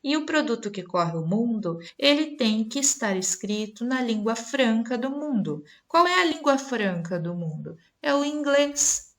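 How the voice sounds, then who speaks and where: A woman's voice: on the high side, animated, measured pace, fairly bright tone. A Brazilian woman teacher giving a spelling lesson, reading out word lists and checking in with the class as she goes. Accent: Brazilian Portuguese.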